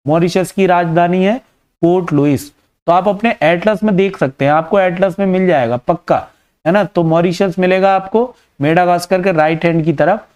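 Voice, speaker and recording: High, clear-voiced Hindi male teacher. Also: darkish tone. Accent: Indian Hindi. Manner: repeats key facts as quiz questions; frequent "है ना" tag checks. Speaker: geography teacher. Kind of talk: exam-prep map lesson.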